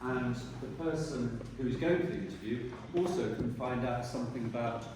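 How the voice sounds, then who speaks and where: A man, a retiring teacher giving a rambling speech at a dinner and often clearing his throat. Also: mid-range voice, normal speed. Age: 60s. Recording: echoey hall from far off, noisy.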